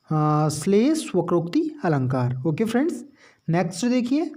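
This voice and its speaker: A man with a soft, mellow voice teaches an exam-prep grammar lesson. He poses a question to his listeners, answers it himself, then repeats the key term. He calls his listeners friends again and again. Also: sits high, wildly swooping pitch, unhurried. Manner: keeps addressing listeners as friends.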